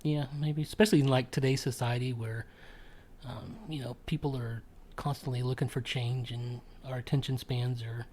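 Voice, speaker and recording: A man's voice: mid-range voice, steady tone, moderate pace, darkish tone, a little hiss or hum. Male podcast host, casual chat, hesitant delivery with frequent fillers. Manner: hesitant, full of ums and restarts.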